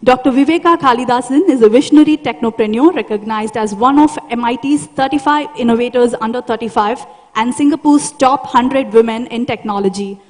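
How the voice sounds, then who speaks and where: A woman's voice: on the high side, brisk, hardly any pauses. A woman with an Indian accent reading formal scripted introductions as an event announcer. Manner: formal, ceremonious. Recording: echoey hall PA, long reverb.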